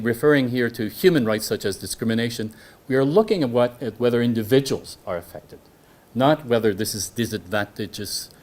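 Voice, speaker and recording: With a fairly low pitch, a guest lecturer of French mother tongue presents an academic law lecture in measured English to a hall audience. He keeps restarting his phrases and asking the listeners questions.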